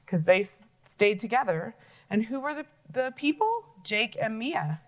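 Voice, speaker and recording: Lively woman teacher thinking aloud. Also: fairly high pitch, measured pace. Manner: thinks aloud, asks questions to kids. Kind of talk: classroom logic-puzzle lesson for young children.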